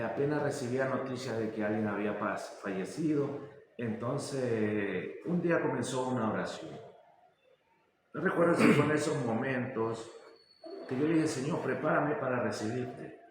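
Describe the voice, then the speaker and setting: A man from Ecuador recounts his testimony of faith in a halting, heartfelt way, often breaking off and starting his sentences again. His voice rings through a very echoey hall with a long reverb tail. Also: mid-range voice, slight background noise. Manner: halting, emotional, with frequent restarts. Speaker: church member giving testimony.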